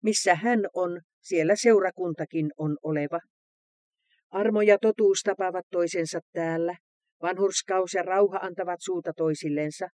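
A man giving a solemn, measured devotional reading, recorded close to the mic. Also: high voice, steady tone, a little mellow, no echo.

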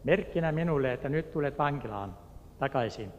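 A man's voice: mid-range voice, expressive, long reverb tail, lo-fi sound, a little hiss or hum. An older man from Turku, Finland, telling a personal faith story in an earnest way, with hesitations. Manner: earnest, with hesitations and acted quotes. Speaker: speaker giving a faith testimony.

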